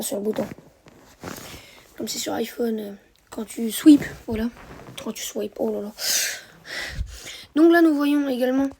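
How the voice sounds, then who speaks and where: A woman's voice: high-pitched, warm tone. A woman narrating a strategy game replay for viewers, hesitant, with many fillers and self-corrections. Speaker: gameplay commentator.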